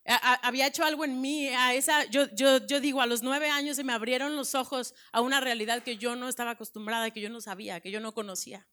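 A woman's voice: sits high, steady tone, fast talker, few pauses, bright, forceful tone. A woman pastor in her thirties with a Mexican Spanish accent, sharing her testimony in an earnest, conversational sermon with frequent restarts. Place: church breakfast event.

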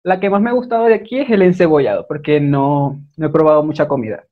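A man from Maracaibo with a Maracucho Venezuelan accent, chatting casually as an interview guest and telling lively stories with frequent laughs. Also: on the high side, fast talker, phone-quality sound. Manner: animated storyteller, laughs often. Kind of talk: casual video-call chat.

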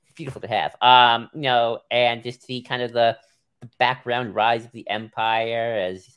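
A man co-hosting a live podcast in casual chat, musing in a relaxed way with many ums and you-knows. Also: medium pitch, moderate pace, clean tone. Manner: easygoing, filler-heavy musing with laughs. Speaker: podcast co-host.

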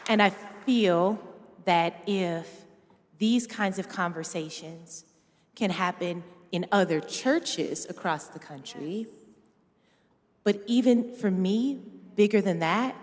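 A woman speaking as a guest on a church panel, measured and deliberate. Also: medium pitch. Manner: measured, builds to passionate. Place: church sanctuary. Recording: long reverb of a church hall.

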